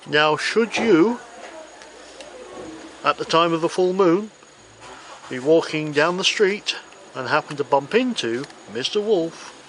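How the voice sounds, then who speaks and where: A man's voice: on the high side, lively intonation, takes it slowly, pauses often, fairly bright tone. Man doing theatrical magician patter, noisy recording. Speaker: magician presenting a trick of the week. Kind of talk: card magician patter, spooky storytelling.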